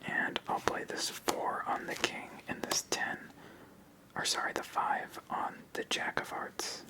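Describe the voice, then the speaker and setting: An ASMR host talks entirely in an unvoiced whisper, unhurried, calm and methodical, guiding the listener through a card game step by step.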